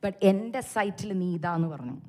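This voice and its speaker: A young Malayali woman preacher giving a testimony sermon, telling her story with animated storytelling and acting out the dialogue. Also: mid-range voice, normal speed. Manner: animated storytelling, acts out her own cries and the Lord's words.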